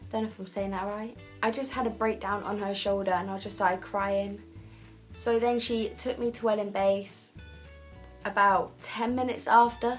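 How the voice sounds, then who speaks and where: A teenage girl tells a personal story straight to camera. Her pitch sits in an ordinary middle range, and she talks in a candid, rambling way with lots of "like"s and self-corrections. Faint music plays underneath. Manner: candid, rambling retelling with many "like"s and restarts. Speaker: vlogger.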